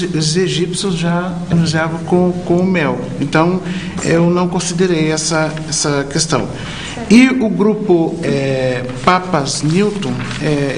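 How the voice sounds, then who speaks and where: A man's voice: sits high, a little hiss or hum. A male teacher judging a student contest, explaining his scores hesitantly with restarts. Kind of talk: evaluating answers.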